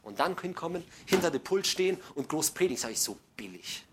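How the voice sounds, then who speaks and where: A middle-aged man preaching a sermon to his congregation, folksy and joking, dropping to hushed asides and then building to loud, emphatic passages. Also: fairly high pitch, very animated, fairly quick, breathy edge. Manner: folksy, joking, addresses listeners directly.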